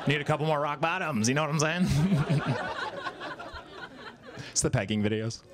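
Brief: stand-up comic in his thirties, slightly high voice, chatty and self-mocking. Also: lively intonation, normal speed, heavy background noise. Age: 30s. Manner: chatty, self-deprecating, acts out quoted voices. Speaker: stand-up comedian. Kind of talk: stand-up comedy set. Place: live comedy venue with audience.

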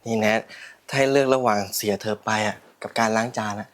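A man's voice: fairly low pitch, fairly even intonation, fast, a bit bright, natural voice. An actor playing an apologetic husband who keeps soothing and sweet-talking his wife in a short film. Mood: coaxing. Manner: placating, soothing.

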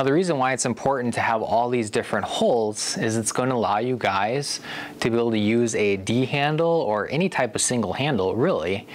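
A man in his thirties from the USA, relaxed and chatty, reviewing home gym equipment to camera and calling his viewers guys. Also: medium pitch, a little hiss or hum. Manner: relaxed and conversational, keeps addressing viewers as guys. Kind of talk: casual product review to camera.

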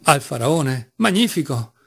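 A man voicing a loud, reckless young reveler. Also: a little high, big pitch swings, unhurried, gravelly, husky, heavily acted. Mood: excited. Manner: shouting toasts.

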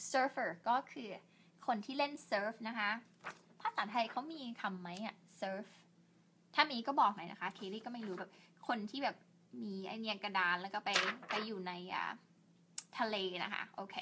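Fairly high and a little bright, with a breathy edge, this young woman's voice leads a bilingual English lesson online. She lingers on every English word and keeps repeating Thai polite particles. Friendly and self-deprecating, she chats along and asks her viewers for help.

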